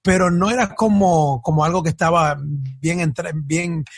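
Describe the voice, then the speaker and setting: A man's voice: a little high, moderate pace, slightly rough, no echo, clean studio sound. A man from Ecuador, a guest musician, talking in a casual podcast interview with many fillers and restarts.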